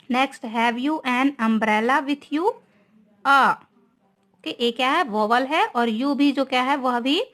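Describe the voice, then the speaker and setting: A woman teacher giving a grammar lesson, asking questions and answering them herself. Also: high voice. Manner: slow, asks and answers own questions.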